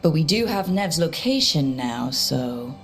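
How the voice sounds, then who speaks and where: A determined young heroine from a fantasy video game, brisk and urging. Her voice sits a little low for a woman. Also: big pitch swings, faint music behind, heavily acted.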